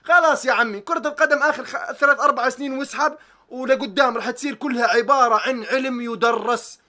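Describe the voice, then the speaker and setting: A man's voice: very high-pitched, quick pace, sharp tone. A young man, ranting animatedly about football as a vlogger, swearing oaths and mocking tactics talk. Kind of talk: excited football reaction rant.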